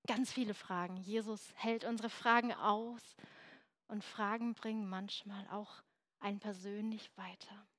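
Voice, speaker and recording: A woman's voice: medium pitch, fairly even intonation, measured pace, a bit bright, dry recording. A young woman giving an earnest, emphatic sermon, at times dropping to a near whisper for emphasis. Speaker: preacher.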